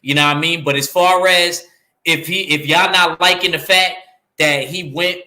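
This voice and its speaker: Man, New York accent, bright forceful voice, slightly high, emphatic, echoey room. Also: moderate pace. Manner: animated, emphatic, repeats himself. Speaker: podcast co-host. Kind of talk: casual boxing talk.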